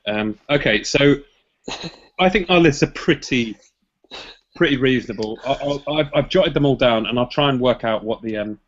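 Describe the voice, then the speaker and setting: A podcast host chats casually about boxing rankings, laughing often and hedging what he says. His voice is medium-pitched at a normal speed, and the sound is lo-fi.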